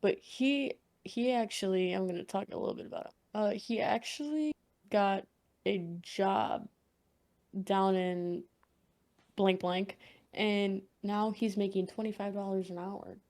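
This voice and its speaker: A woman's voice: mid-range voice, steady tone, a little slow, a little mellow. Giggly young woman swapping crude stories. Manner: giggly, profane, rambling anecdotes. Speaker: podcast co-host. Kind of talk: casual podcast chat.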